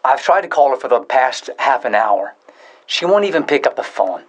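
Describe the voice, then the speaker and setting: A man acting an awkward, troubled friend sheepishly asking for help in a scripted dialogue, hesitant but clearly spoken. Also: medium pitch, sing-song, normal speed.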